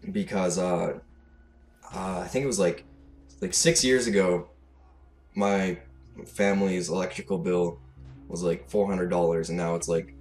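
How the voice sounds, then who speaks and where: A 17-year-old guy from Alberta, Canada, with a Canadian accent, rants as a gaming commentator, casual and off-the-cuff, blunt, fed-up and full of swearing. His voice is low and a little mellow, a bit slow with long pauses. Faint music plays behind this clearly noisy home recording.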